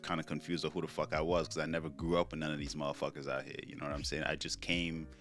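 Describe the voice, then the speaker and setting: This is a young podcast host from Trinidad going solo, relaxed and rambling, full of fillers and casual cursing. His very deep voice comes across fairly bright, and he talks fast with a flat delivery over soft background music.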